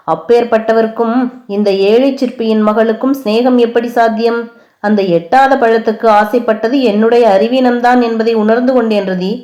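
A woman's voice: on the high side, close to an everyday voice. A woman voicing a proud young dancer, hurt and reproachful, in an audiobook. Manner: sharp, reproachful speech.

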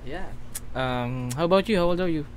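A shy, giggly young man from the Philippines with a Filipino accent, chatting softly with strangers on a webcam. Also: on the high side, a little fast, slight background noise. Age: young adult. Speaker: singer and video host. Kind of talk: casual video chat between songs. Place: indoor bedroom. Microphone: laptop webcam. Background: his own acoustic guitar.

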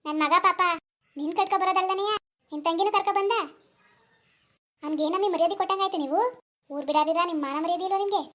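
A sharp-tongued older mother-in-law scolds and mocks in a cartoon village home, as a woman puts her on. Her voice is high and quick. She taunts her daughter-in-law without letting up. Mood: scornful. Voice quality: scolding, scornful. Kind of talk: cartoon voice acting.

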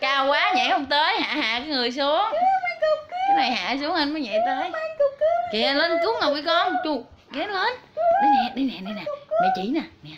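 A woman with a Southern Vietnamese accent filming a casual vlog, excitedly cheering on and urging her pet. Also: sits high, brisk, lo-fi sound. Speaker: pet owner. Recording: loud background noise.

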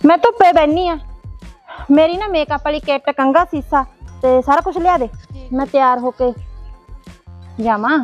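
A woman's voice: high-pitched, moderate pace, long pauses, lo-fi sound, faint music behind, close to an everyday voice. An actress playing a vain middle-aged mother who boasts about dressing up, in a village comedy drama. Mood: boastful. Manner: boastful, chatty.

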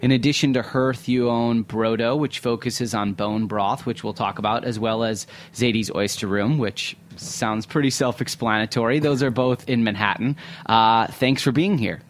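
A man hosting a studio interview on food and restaurants. His voice sits at an ordinary middle pitch, and he talks loosely, thinking aloud with fillers and restarts. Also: moderate pace. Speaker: podcast host. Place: radio studio.

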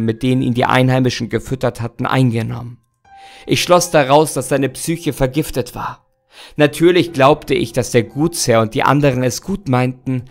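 Gravelly guy reading a creepy story, mid-pitched, faint music behind. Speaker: horror story narrator. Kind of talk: scripted horror narration.

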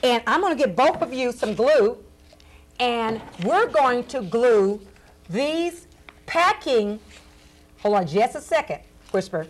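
High-pitched cheerful clown woman. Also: expressive, slow. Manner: sing-song, coaxing, addressing children. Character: cheerful female clown craft teacher. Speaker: arts and crafts host. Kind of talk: children's TV craft lesson.

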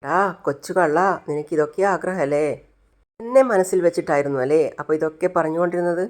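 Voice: medium pitch, quick pace, a little mellow, close to an everyday voice. A storyteller voicing a playful young woman who teases and coaxes a young man. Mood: teasing. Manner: teasing, coaxing.

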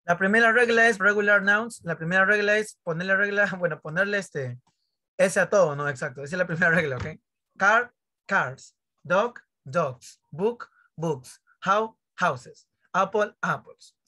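A Peruvian man teaches English grammar to an online primary class in a high, sharp voice, unhurried in pace. He jokes, teases his pupils and acts out their questions.

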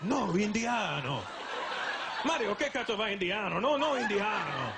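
A comedian playing an excitable Italian man on the street, babbling rapid mock-Italian. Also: high-pitched, vocal fry, heavy background noise, exaggerated voice. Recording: live stand-up, loud crowd laughter.

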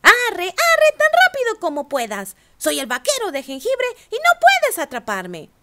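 A woman's voice: extremely high pitch, wildly swooping pitch, unhurried, heavy background noise, pitched above the performer's own voice, exaggerated voice. A woman voicing a small, boastful runaway gingerbread cowboy in a taunting sing-song.

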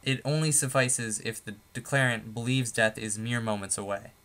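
Bright-voiced man explaining step by step. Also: mid-range voice, moderate pace. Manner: steady, methodical, stepping through numbered points with occasional fillers. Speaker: tutorial presenter. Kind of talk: explanatory lecture on law.

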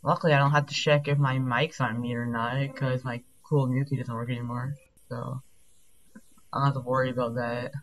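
A young man with a deep-sounding voice chats casually as he speedruns a game. He rambles, packing in fillers and quick asides, and his pitch barely moves.

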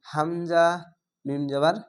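Male Quran tutor, measured syllable-by-syllable drills, slightly high, crisp tone. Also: flat delivery. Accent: Bangladeshi Bengali. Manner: spells syllables letter by letter, drawls long vowels. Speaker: Quran reading teacher. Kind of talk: slow spelled-out recitation lesson.

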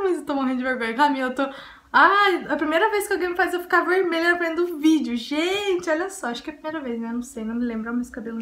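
Young Brazilian woman vlogger, bubbly and giggly, bright high-ish voice, casual home chat. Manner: giggly, bubbly, easily embarrassed. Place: home, indoors by a window.

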